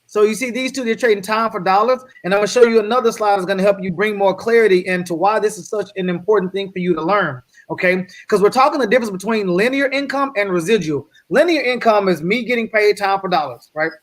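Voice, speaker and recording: High-voiced man presenting slides. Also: fast talker, hardly any pauses. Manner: energetic, checks in with "right?" often. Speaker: guest speaker on wealth building. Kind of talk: slide presentation to an online audience. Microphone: video call.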